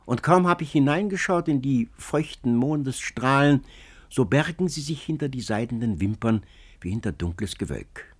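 A man's voice: medium pitch, expressive, moderate pace, slightly rough. A man voicing a scheming, cackling old woman servant in an audiobook, telling her tale breathlessly and dramatically. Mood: wheedling. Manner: breathless, wheedling, dramatic storytelling. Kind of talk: audiobook character reading.

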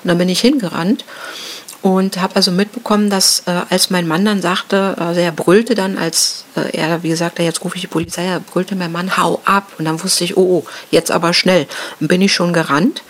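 A middle-aged woman telling an interviewer about a violent attack on her husband, in a halting way with many fillers and restarts. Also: lowish voice, steady tone. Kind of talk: emotional personal account.

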